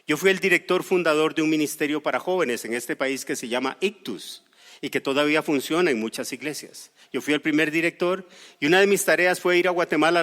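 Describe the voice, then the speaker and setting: In a sermon built around storytelling, a Costa Rican pastor unpacks scripture with personal stories and light jokes, speaking Costa Rican Spanish. His fairly high, fairly bright voice trails off into a long reverb tail.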